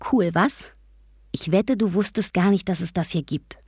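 A woman voicing a lively, secretive teenage girl who talks in an eager, confiding way. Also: fairly low pitch, moderate pace, breathy edge, no room sound, clean studio sound. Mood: excited.

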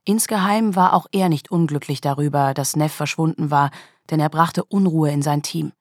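A woman narrates a crime novel in a calm, even storytelling manner. Her voice sits low and sounds dry and close, with no room around it. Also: moderate pace, no echo. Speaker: audiobook reader. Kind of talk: scripted narration.

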